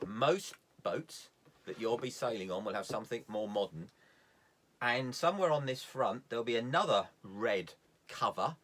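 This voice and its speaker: This man, a sailing instructor, speaks at medium pitch with a fairly bright tone. His informal, hands-on instruction is plain-spoken and sequential, and he repeats key points for emphasis.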